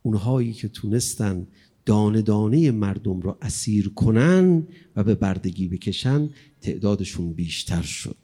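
A man preaching a mourning sermon in an impassioned way, swinging from hushed passages to loud ones. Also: on the low side, lively intonation, breathy edge.

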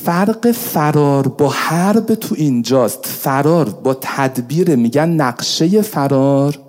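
Male preacher, dark warm voice, sermon delivery swinging from soft intimate to impassioned. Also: on the high side, animated. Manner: swings from hushed intimate pleading to raised cries. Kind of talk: religious sermon.

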